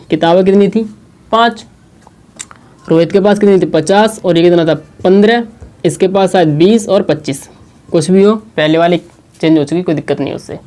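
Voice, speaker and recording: Male teacher, mellow tone, rhetorical question-and-answer style, patient board lesson. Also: sits high. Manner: asks questions and answers them himself; slow, repetitive explaining.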